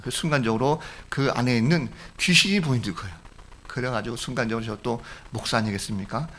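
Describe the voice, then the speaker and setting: A middle-aged man preaching from a church pulpit, his voice at an ordinary middle pitch for a man. He mixes homely anecdotes and jokes into the sermon and acts out the lines of the people in his stories. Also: fairly bright tone, slight background noise. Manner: storytelling with jokes, acting out quoted voices. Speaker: pastor. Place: church sanctuary.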